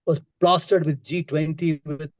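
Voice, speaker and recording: A man's voice: a little high, steady tone, unhurried, no echo. A man from India, speaking emphatically as a political commentator over a video call whose audio keeps glitching and breaking up. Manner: emphatic, repeats words for stress. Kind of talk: remote panel discussion. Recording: dull lo-fi call audio with dropouts.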